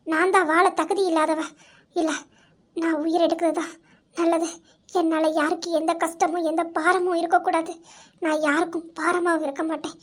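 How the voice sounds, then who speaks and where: Asha is a heartbroken young woman in an amateur audio drama, ashamed and full of self-blame, speaking in a very high, halting voice, as a woman acts her. She breaks off and restarts her lines as if close to tears. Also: steady tone. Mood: despairing. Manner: tearful, halting, self-blaming. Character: young woman, ashamed and despairing after betrayal.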